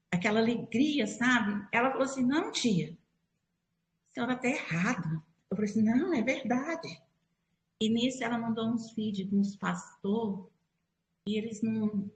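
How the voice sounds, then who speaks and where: A woman's voice: mid-range voice, darkish tone. Woman telling a faith testimony, echoey. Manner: storytelling, acts out her quoted dialogue. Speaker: church member giving testimony. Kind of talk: spoken religious testimony.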